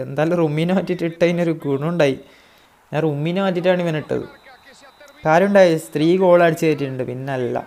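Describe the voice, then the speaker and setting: A man with a hoarse voice giving excitable live commentary on his own football video game match, mixing English phrases into his talk. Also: fairly high pitch. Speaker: gaming YouTuber.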